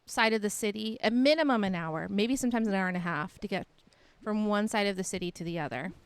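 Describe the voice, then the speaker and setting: A woman's voice: mid-range voice, quick pace, clean tone. A young woman with a light Texan accent, chatting casually and rambling with her livestream viewers. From Texas. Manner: rambling, chatty, lots of "like" fillers. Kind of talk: casual chat with stream viewers.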